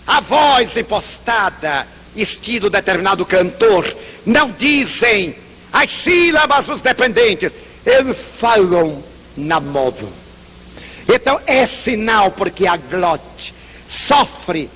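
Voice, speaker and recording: An older man giving an emphatic public lecture, telling a story and acting out its dialogue. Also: extremely high pitch. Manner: animated, emphatic, acts out dialogue. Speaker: spiritist lecturer. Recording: reverberant hall with faint hum.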